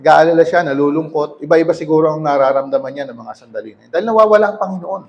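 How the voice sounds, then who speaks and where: Male preacher, high voice, reads scripture then explains it plainly, pauses to check in with listeners. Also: lo-fi sound. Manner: reads verses aloud then explains them, asking "okay?". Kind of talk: sermon reading and explaining scripture.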